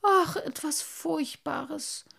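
Woman as a small, scared storybook water-sprite boy, very high, hesitant. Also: very animated, moderate pace, mellow. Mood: frightened. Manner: hesitant, anxious. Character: frightened little water-sprite boy, timid and polite.

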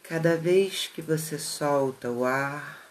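A guide leading a relaxation meditation in a soothing, unhurried manner, with short phrases and long pauses. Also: medium pitch, a little hiss or hum. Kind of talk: slow guided meditation narration.

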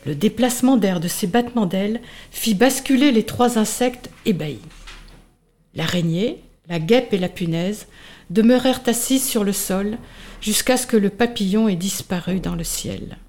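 A woman co-hosting a children's show, narrating a story in a lively, animated way. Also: mid-range voice, moderate pace.

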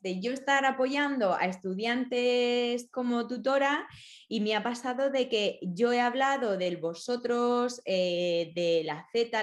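A woman with a Spain Spanish accent who works as a Spanish tutor, telling her story in an animated way in a casual conversation. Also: mid-range voice.

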